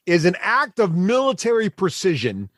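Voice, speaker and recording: A man running a tabletop game, narrating casually and haltingly as he thinks aloud as game master. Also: high-pitched, huge pitch swings, fairly bright tone, no echo, studio quality.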